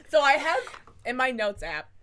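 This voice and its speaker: A woman's voice: high-pitched, fairly bright tone. A woman co-hosting a podcast, chatting casually, laughing often and quoting friends. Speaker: podcast co-host. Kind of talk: casual chat among friends.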